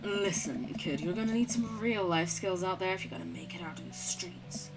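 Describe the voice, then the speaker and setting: A woman's voice: on the low side, moderate pace, vocal fry. A woman voicing a posh English mother who leads the parents' association, speaking in a posh English accent and doling out prim, knowing advice. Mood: prim, conspiratorial. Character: posh English mum, boozy PTA leader.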